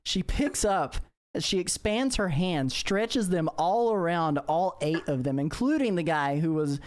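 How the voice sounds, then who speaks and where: A woman's voice: lowish voice, expressive, darkish tone. A woman narrating a tabletop game as game master, with many fillers and restarts. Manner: filler-heavy, halting narration.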